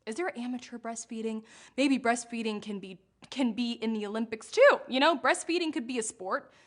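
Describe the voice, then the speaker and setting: A woman's voice: fairly high pitch, a little fast. A young woman hosting a live trivia game show, bubbly and jokey, laughing at her own puns as she reads out questions and answers.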